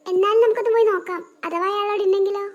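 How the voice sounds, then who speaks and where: A woman's voice: very high-pitched, steady tone, racing, lo-fi sound. A woman voicing a curious younger girl, a little sister, in a cartoon, eager and inquisitive. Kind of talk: cartoon voice acting.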